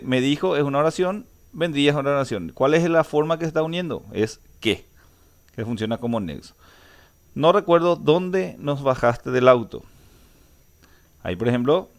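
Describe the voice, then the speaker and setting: A male teacher, giving a recorded grammar lesson and explaining step by step with frequent "eh" fillers and restarts. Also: medium pitch.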